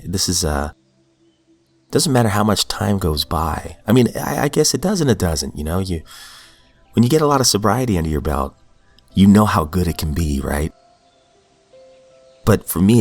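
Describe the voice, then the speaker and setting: This podcast host has a deep voice and is sniffly with a cold. He reads daily recovery texts aloud, then reflects on them casually in an earnest, thoughtful way, using fillers and restarting sentences.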